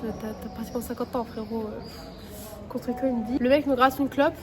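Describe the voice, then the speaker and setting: A student vlogger in her twenties whose first language is French chats bluntly and casually with plenty of slang, her fairly high voice brisk and steady in tone amid crowd noise.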